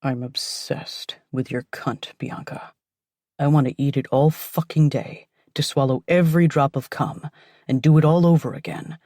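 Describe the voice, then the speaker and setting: A woman voicing a dominant, possessive male lover in an audiobook, speaking in a deep, commanding murmur. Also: steady tone, takes it slowly, creaky, slightly rough, no echo, studio quality, heavily acted.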